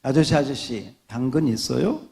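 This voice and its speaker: A man's voice: medium pitch, moderate pace, vocal fry, darkish tone, lightly acted. A man voicing a little rabbit who keeps coming back to pester a shopkeeper with the same question. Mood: pleading. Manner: pleading, repetitive asking.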